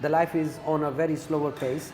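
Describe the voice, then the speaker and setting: A man hosting a casual interview in a coffee shop, speaking haltingly with many fillers and restarts. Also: fairly high pitch, flat delivery, a little mellow. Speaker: interview host.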